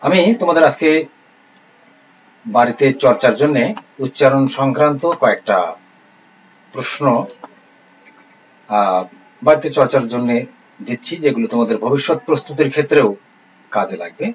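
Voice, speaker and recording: Guy teaching a recorded lesson, calm and slow, reads word lists one by one, kinda dull lo-fi sound. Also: mid-range voice. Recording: slightly dull lo-fi recording with faint hiss.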